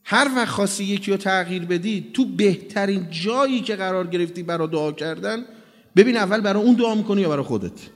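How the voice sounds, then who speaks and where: A man with a notably high voice preaches to a gathered audience, earnest and direct with his listeners. His sermon rings out with a long reverb tail from a large hall. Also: lively intonation. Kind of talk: religious sermon with storytelling.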